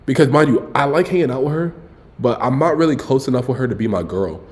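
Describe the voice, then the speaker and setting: Here the same kind of streamer, a guy in his early twenties, spins a meandering tale for viewers in relaxed slang, frequently backtracking and sprinkling in "bro." He has a medium-pitched, slightly mellow voice with lively intonation and a fast pace.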